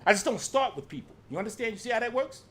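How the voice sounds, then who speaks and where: A rapper ranting at his critics, swearing heavily and swinging from shouting to low muttering. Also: sing-song, rapid-fire. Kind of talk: profane angry rant.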